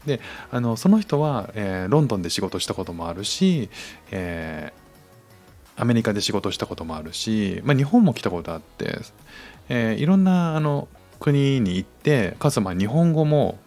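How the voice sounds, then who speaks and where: Man, low voice, lively up-and-down delivery, casual solo podcast, halting with fillers. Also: faint music behind. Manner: hesitant, many fillers and restarts. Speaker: podcast host. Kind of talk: casual monologue.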